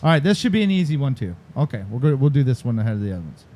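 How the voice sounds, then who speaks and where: A man's voice: medium pitch, big pitch swings, racing, warm tone, soft background music. A man hosting a casual fishing talk show, joking and teasing, laughing often. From Florida. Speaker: podcast host. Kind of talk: casual radio chat.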